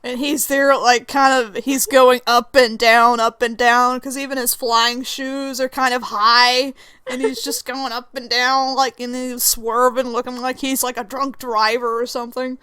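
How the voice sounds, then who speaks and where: A young woman with a high, smooth voice, recorded close and dry, tells a made-up story with a friend. She giggles often and slips into quick acted-out lines for each character. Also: no echo. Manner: giggly, animated, acting out quoted lines. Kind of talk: improvised storytelling.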